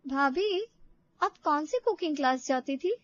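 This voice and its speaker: A woman's voice: sits high, expressive, a little slow, muffled recording. A woman voicing a teasing young sister-in-law in a cartoon story, cheeky and complaining. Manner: teasing, complains to her mother, calls the bride "bhabhi". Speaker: cartoon character.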